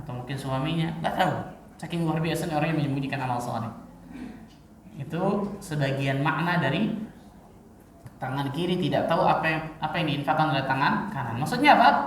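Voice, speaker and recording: A man preaching a sermon in a lively teaching manner, full of rhetorical questions and casual asides. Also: on the high side, a little hiss or hum. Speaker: Islamic preacher. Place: mosque. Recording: echoey hall, mic far off.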